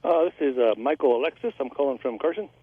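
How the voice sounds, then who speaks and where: A man's voice: medium pitch, fast talker, husky. A man from Northern Nevada calling in over the phone to a radio show, chatting in an easygoing way. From Northern Nevada, USA. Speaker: caller and voice actor. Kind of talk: casual chat. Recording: tinny phone line with radio feedback.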